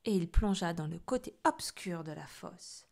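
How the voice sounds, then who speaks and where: A woman tells a children's story with lively expression. She reads as a storyteller and shapes each line for young listeners. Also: lowish voice, a little slow, creaky. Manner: expressive, animated reading.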